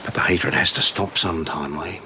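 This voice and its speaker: A very deep-voiced Australian man, weary and firm yet compassionate. He talks quickly and plainly in an understated TV drama style, with clear noise around him. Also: bright, forceful tone. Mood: weary, restrained. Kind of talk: naturalistic television drama acting.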